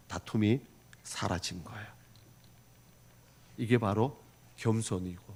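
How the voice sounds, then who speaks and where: A male pastor from the region preaching a sermon, earnest and storytelling, moving from loud exhortation to soft asides. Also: medium pitch. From Gyeongsang region, Korea. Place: church sanctuary.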